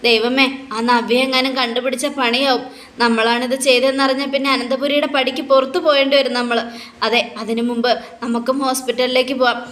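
A woman's voice: high-pitched, flat delivery, brisk, a bit bright, reverberant. A woman voicing a scheming, protective mother who talks in a calculating, placating way.

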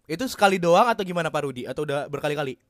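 A man playing a news reporter in a roleplay game, asking brisk, probing questions and laughing easily. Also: on the high side, lively intonation, dry recording, clean studio sound.

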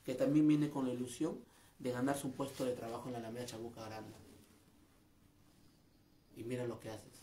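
A man's voice: medium pitch, mellow, echoey room, slight background noise. A man, a street comedian, making an earnest, aggrieved personal statement, repeating his points. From Peru.

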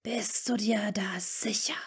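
A woman voicing a cold, menacing male dark lord in a hissing, icy whisper, as whispered role-play in a fan-fiction reading. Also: medium pitch, steady tone, slow pace, husky, heavily acted.

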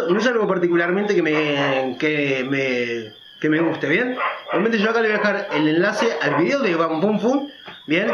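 A man giving a casual opinion monologue as a vlogger, talking loudly and emphatically and checking in with frequent tag questions. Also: high-pitched, echoey room, highs cut off, very noisy. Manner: naturally loud, emphatic speaker.

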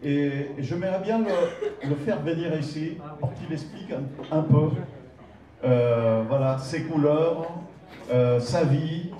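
A man hosting an exhibition opening, welcoming guests and introducing the artist in a halting way with many fillers. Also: on the high side, mellow. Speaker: event host. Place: large glass-walled hall, indoors. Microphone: mic on a stand, filmed from a distance. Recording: echoey hall, mic far off, crowd.

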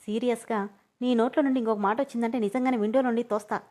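A bossy young man in a spoken storybook, snapping short orders in clipped lines. A woman narrator voices him in her own fairly high voice, with almost no change to it. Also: fairly even intonation, fast talker, darkish tone, lightly acted. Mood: scolding. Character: gruff, bossy young man, curt but caring.

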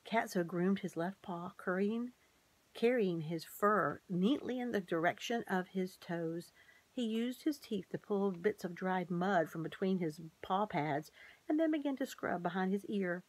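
A woman reading a children's chapter book aloud in a measured, gently expressive way. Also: medium pitch. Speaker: narrator. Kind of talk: storybook read-aloud.

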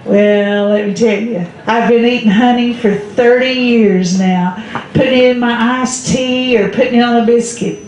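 An older woman from the Smoky Mountains of Southern Appalachia tells folksy stories live to an audience under an open tent at a public event, often quoting relatives and neighbours in dialogue. Her voice is a little high and darkish, with a steady tone and moderate pace. She speaks into a handheld microphone through a PA, and the outdoor sound is echoey with faint noise.

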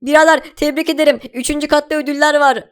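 Guy doing a high squeaky little buddy, fast and chummy, teasing warnings. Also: fairly even intonation, fairly bright tone. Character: male sidekick friend, cheeky and warning.

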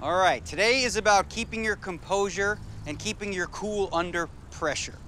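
Bright high-voiced American male host. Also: normal speed, slight background noise. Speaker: referee and challenge host. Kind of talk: presenting a comedy challenge. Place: outdoors on a backyard pool patio.

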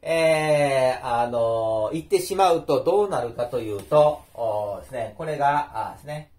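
A man teaches in an unhurried, hesitant way, stopping often to search for words as he explains. His pitch rises and falls in a lively way. The room adds a noticeable echo to his voice. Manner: hesitant and explanatory, many pauses and fillers. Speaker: language teacher. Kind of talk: informal spoken lesson. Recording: roomy echo.

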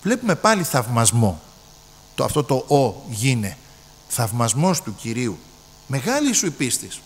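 Man, sermon, emphatic, repeats phrases, lively pitch, long hall reverb. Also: a little hiss or hum. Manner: emphatic, repeats phrases, often addresses the brethren. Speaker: preacher.

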